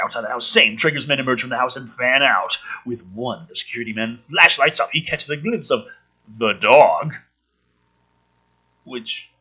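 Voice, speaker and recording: In a low-quality recording, a man speaks at medium pitch, his voice pushed and bright with a breathy edge. He's a little ill, and his throat is affected. He hosts a film-script read-aloud, poking fun at the material with sweary, sarcastic, exasperated remarks in a ranting, joking style.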